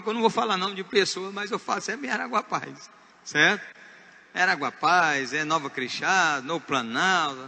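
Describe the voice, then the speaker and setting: A man with a Brazilian Portuguese accent delivers a church sermon in a strikingly high, sharp voice. He moves between quiet confiding remarks and shouted emphasis. A long hall reverb trails each phrase. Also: a little hiss or hum. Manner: emphatic preaching, swinging from hushed asides to shouted points. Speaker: pastor.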